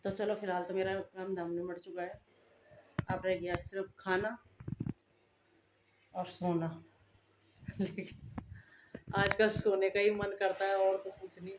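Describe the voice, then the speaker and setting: A middle-aged woman with a mid-range voice chats casually to her viewers in a family vlog, filmed on a phone camera at home. She's homely and talkative, addressing the audience directly in a level, unhurried tone with long pauses. The room echoes, and faint background noise and ambience can be heard.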